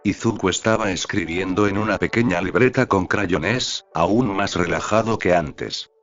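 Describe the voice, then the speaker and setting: A man with a low voice reads a story aloud at a steady, even pace. The recording sounds a little dull, and faint music plays underneath. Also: normal speed. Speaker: narrator. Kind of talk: fan fiction reading. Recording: slightly dull audio with faint background music.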